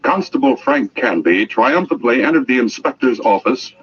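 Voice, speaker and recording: An actor performing the dramatic scripted narration of an old-time radio adventure serial. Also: male voice, medium pitch, expressive, moderate pace, natural voice. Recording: muffled, noisy old radio recording.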